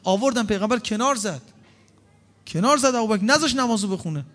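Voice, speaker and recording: High-voiced man preaching emphatically. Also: animated. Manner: emphatic, rhetorical questions, swings between loud and hushed. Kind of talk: religious sermon.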